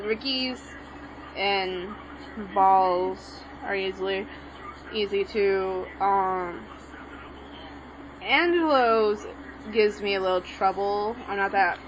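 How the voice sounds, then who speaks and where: Recorded on a muffled, lo-fi home mic with background noise, a young woman tutor of Mexican background delivers a casual spoken lesson as she writes. Her medium-pitched voice rambles uncertainly, with hesitations and self-corrections. She's a language tutorial maker working from a home room where a TV is on.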